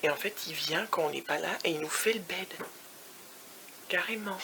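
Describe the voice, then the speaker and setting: A woman with a lowish voice chats her way through a travel vlog, rambling from one thing to the next and slipping English words into her sentences. She sometimes drops to a hushed whisper, and steady background noise runs under the recording. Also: moderate pace, creaky. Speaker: vlogger. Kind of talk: casual vlog chat. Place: hotel room.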